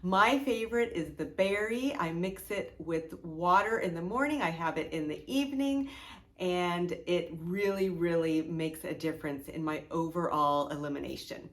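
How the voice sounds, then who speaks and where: Middle-aged lady walking you through a recipe, chatty, lowish voice. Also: normal speed, a bit bright. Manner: friendly, chatty instructions. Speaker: cooking show host. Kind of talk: recipe demonstration.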